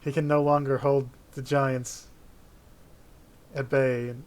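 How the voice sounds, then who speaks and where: Man playing stern giant god, booming, very slow grand pronouncements, flat intonation, tabletop fantasy game. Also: clear, resonant tone, close to an everyday voice. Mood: grave.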